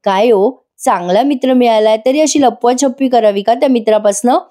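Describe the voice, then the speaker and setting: Gentle teasing young husband, read by a woman. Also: very high-pitched, moderate pace. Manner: teasing, affectionate. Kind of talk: reading a character's lines in a TV review.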